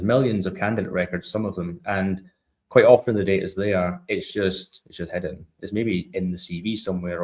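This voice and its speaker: A low-pitched man, appearing as an interview guest, gives a conversational product walkthrough, explaining things informally and checking in with small tag questions.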